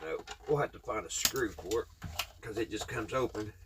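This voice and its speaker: Over a noisy background, a man with a lowish voice, lively intonation and moderate pace talks to his audience. He hosts a hobby repair video channel, comes from Kentucky with its Southern accent, and chats in a casual, plain, folksy, rambling manner as he works with his hands.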